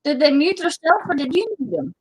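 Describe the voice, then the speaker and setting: A woman calling in to a casual live stream, animated and laughing often. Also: sits high, a little fast. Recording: noisy stream audio.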